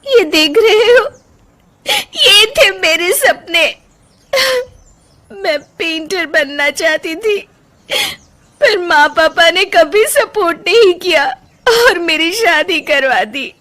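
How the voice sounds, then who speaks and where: A woman voicing a young bride in a cartoon, speaking in a tearful, halting way. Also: very high voice, lively intonation, fairly bright tone, heavily acted. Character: young bride, sad frustrated artist. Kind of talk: voiced cartoon dialogue.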